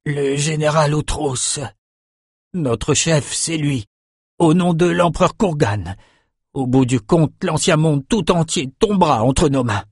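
Un soldat mourant et fier. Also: male voice, a little high, takes it slowly, husky, dry recording. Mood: defiant. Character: dying enemy soldier, defiant and proud. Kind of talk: audiobook dialogue. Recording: dry studio recording.

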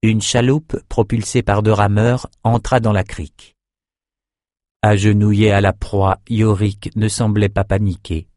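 A man reading a dark fantasy audiobook in a measured, grave narration. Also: on the low side, little pitch movement, no echo, studio quality. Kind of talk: scripted narration.

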